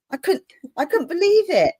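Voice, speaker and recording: A woman's voice: very high-pitched, sing-song, measured pace, dark tone. Woman, show host, chatty, rambling, laughs often. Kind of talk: casual interview chat.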